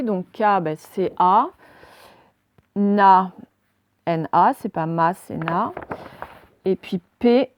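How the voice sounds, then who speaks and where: A woman teacher giving a recorded spelling lesson, dictating words slowly and spelling them letter by letter. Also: medium pitch, darkish tone. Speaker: primary school teacher.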